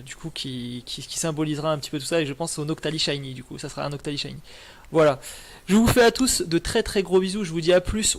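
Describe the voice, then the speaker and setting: A young man wrapping up a live stream in casual chat, rambling with many fillers and restarts. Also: fairly high pitch.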